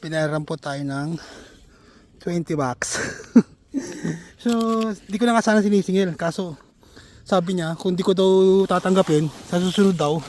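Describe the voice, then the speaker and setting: A man's voice: high voice, unhurried, darkish tone, slight background noise. An older man, narrating a casual vlog while he shovels snow outdoors. He is out of breath and laughs often between phrases. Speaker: vlogger.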